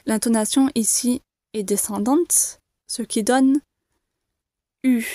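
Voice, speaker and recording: A woman gives a beginner pronunciation lesson, speaking very slowly and carefully and repeating each letter. Her voice sits a little high, and the recording is dry and close. She sounds patient and reassuring. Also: darkish tone, no room sound. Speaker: French teacher.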